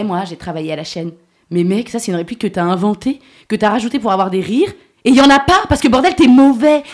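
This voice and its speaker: A woman tears through a comic radio rant at a rapid clip. Her delivery is exasperated and animated, with plenty of swearing. Her voice sits at an ordinary middle pitch. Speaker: comedy columnist. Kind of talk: ranting comic chronicle.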